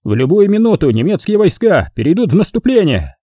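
A man voicing a boastful German sergeant who barks orders, raised high above his own voice. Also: big pitch swings, brisk, dark tone, dry recording. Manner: blustering, barking orders.

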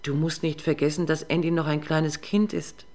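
A woman reading the lines of a tired husband and father, speaking calmly and with measured firmness. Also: low voice, natural voice. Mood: weary. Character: weary, patient husband and father, restrained.

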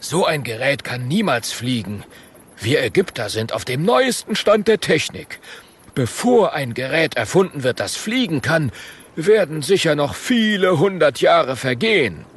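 An actor playing a self-assured merchant in a storybook audio play, speaking confidently with a touch of boastfulness. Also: male voice, fairly high pitch, sing-song, unhurried, husky, full character voice.

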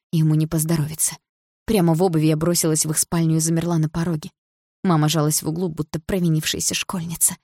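A woman reading a first-person novel aloud in a quiet, measured way. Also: low voice, gravelly, slightly rough, no echo, studio quality. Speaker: audiobook narrator.

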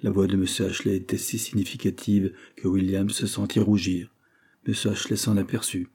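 A man reading a novel aloud as an audiobook narrator, steady and measured. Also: low-pitched, breathy edge. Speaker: audiobook reader. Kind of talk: scripted narration.

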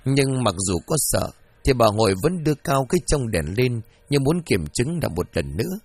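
A man's voice: mid-range voice, very animated, moderate pace, breathy edge, no echo. A man narrating a ghost story with dramatic, storytelling delivery.

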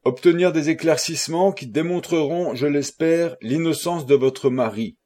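A man's voice: a little high, normal speed, mellow, pitched above the performer's own voice, close to an everyday voice. A man reading a stern police agent. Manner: stern, formal and solemn. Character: agent de la sûreté, homme mûr, sévère.

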